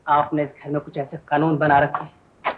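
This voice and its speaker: An actor playing a spoiled, hot-tempered young drunkard who shouts demands and turns sarcastic, in 1950s film style. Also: male voice, a little high, completely flat delivery, normal speed, lightly acted. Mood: angry, demanding. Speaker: drunken younger brother-in-law. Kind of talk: 1950s Hindi film acting. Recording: tinny old film soundtrack, faint hiss.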